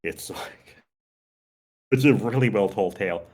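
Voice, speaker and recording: A man's voice: on the low side, measured pace, darkish tone. A man hosting a casual chat, talking eagerly with lots of fillers and laughs. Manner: enthusiastic, many fillers and laughs. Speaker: podcast host.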